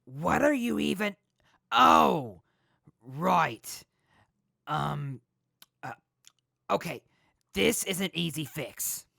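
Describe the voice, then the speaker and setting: Heavily creaky, bright female voice, actress as wary, by-the-book jail guard, radio drama. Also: on the low side, lively intonation, very slow, long pauses, no echo, clean studio sound, full character voice. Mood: awkward, practical. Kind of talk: audio drama acting.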